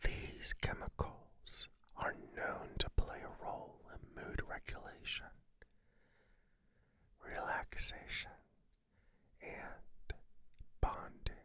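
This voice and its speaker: A narrator giving a scripted ASMR explainer in a breathy, unvoiced whisper, in short phrases with pauses between them. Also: sharp tone.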